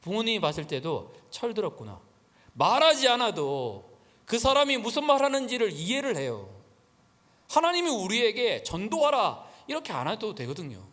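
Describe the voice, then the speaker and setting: A middle-aged man preaching a sermon as pastor, telling stories in a lively way with many fillers. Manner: animated storytelling, frequent fillers, rapid pitch swings. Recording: long hall reverb.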